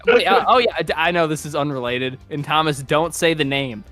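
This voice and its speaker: A young man co-hosting a casual podcast who jokes and teases his friend with quick interjections. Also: fairly high pitch, fairly bright tone, faint music behind. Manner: joking, teasing interjections with laughter. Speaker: podcast co-host. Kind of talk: casual chat.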